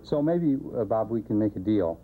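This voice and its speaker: A man's voice: fairly low pitch, expressive, moderate pace, a little hiss or hum. Navy chaplain man with a thin, tinny sound. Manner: hesitant, many uhs, dry jokes. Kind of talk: roast speech.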